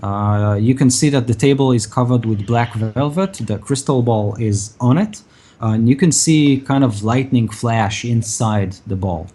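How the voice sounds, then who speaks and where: A man narrating a tabletop game as game master, improvising descriptions in a halting way. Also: mid-range voice, warm tone.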